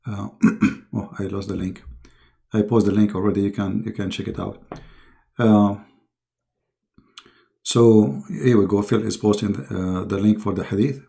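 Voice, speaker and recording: A man hosting a live online debate stream, hoarse and losing his voice, often clearing his throat and coughing as he talks to viewers. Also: lowish voice, steady tone, unhurried, pauses often, mellow.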